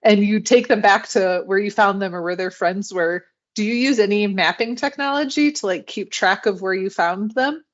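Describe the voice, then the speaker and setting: A woman's voice: mid-range voice, moderate pace, hardly any pauses, muffled recording. A woman hosting a podcast interview, asking questions in a conversational, empathetic way. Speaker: podcast host. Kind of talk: casual interview chat.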